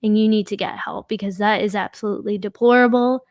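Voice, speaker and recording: A woman's voice: mid-range voice, fairly even intonation, fast talker, no room sound, clean studio sound. A woman giving casual, opinionated true crime commentary in a blunt, emphatic way.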